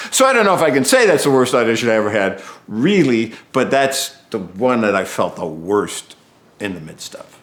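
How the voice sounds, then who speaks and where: A man, an actor, casually telling an anecdote in an interview as an animated storyteller who acts out dialogue. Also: lowish voice, normal speed, a little hiss or hum.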